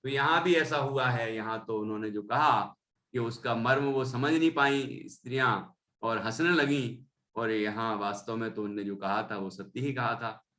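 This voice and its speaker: Mid-range, pushed and bright, this man's voice keeps a moderate pace as he leads a Jain scripture class. He reads each verse aloud, then explains it in an Indian Hindi accent, frequently using the tag question "है ना?".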